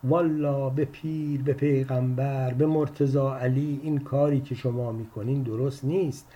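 A man voicing a tired, trembling old uncle with a thick Turkish accent, pleading slowly on the phone in an audiobook story. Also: medium pitch, fairly even intonation, warm tone, highs cut off, natural voice. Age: older. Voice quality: trembling, shaky. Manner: pleading, slow and wordy.

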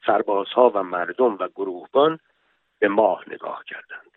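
A man narrating a literary story in a measured, slow storytelling manner, heard over a tinny radio broadcast. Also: lowish voice, no room sound.

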